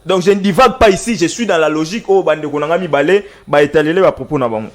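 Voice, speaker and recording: A man with a fairly high voice argues his case on a televised debate panel. He is insistent and keeps pressing his logic, switching between two languages mid-sentence. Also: rapid-fire.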